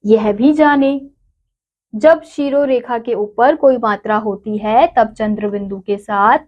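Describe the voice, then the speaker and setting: A woman teaches children in a slow, deliberate way, sounding out each syllable before saying the example word. Her voice sits a little high, and she takes her time. The recording is dull and lo-fi. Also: darkish tone. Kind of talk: Hindi grammar lesson for children.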